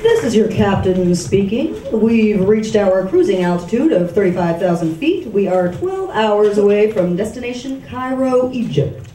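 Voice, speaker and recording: A woman playing an airline captain who makes a formal, measured announcement to passengers over the plane's intercom. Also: medium pitch, sing-song, dark tone. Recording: roomy, distant sound with faint noise.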